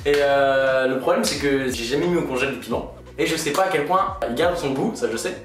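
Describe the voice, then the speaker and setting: A man's voice: medium pitch, fairly quick. A young man hosting a challenge video, chatting casually with friends. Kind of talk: casual chat among friends during a game. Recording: roomy echo, music behind. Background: music.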